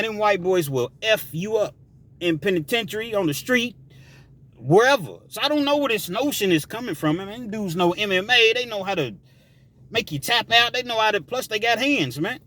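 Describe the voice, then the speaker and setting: A man telling a story from prison life in a casual, emphatic way, with shouted sound effects. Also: sits high, animated, moderate pace.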